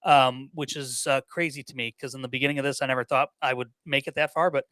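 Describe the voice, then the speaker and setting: Man, podcast guest, opinionated sports chat, bright voice, dry close sound. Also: medium pitch, fairly even intonation, fast, no echo. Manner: opinionated, repeats words, many fillers. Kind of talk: casual sports talk.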